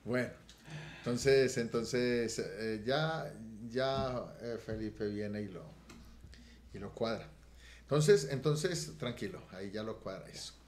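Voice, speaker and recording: Earnest pastor, roomy echo. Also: male voice, on the low side, steady tone, takes it slowly. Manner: earnest, swells loud and emotional in retelling. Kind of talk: testimony on a podcast. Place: podcast studio room.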